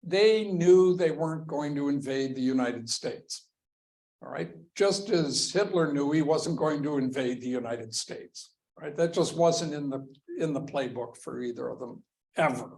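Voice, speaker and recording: Male history lecturer, slow and measured delivery, gravelly fry on a somewhat high voice. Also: darkish tone, low-quality recording. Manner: slow and deliberate, pointing through slides. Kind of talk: classroom lecture. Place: lecture room with a class present.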